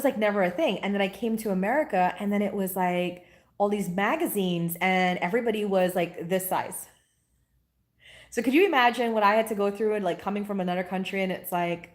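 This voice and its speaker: Lively woman chatting live to viewers. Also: mid-range voice. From Guyana. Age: 40s. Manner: chatty and animated, greeting viewers by name between laughs. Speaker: spiritual teacher. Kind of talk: casual live-stream chat.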